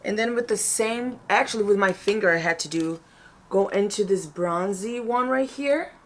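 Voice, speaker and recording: A woman with a medium-pitched voice presents a makeup tutorial in a casual vlog style. She is chatty and informal, often thinking out loud as she explains each step. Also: normal speed. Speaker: makeup vlogger.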